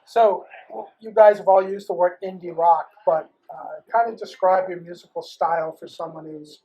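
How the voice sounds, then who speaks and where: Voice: mid-range voice, steady tone, moderate pace, warm tone. Interviewer, casual, joking, muffled dull sound. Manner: joking, laughs often.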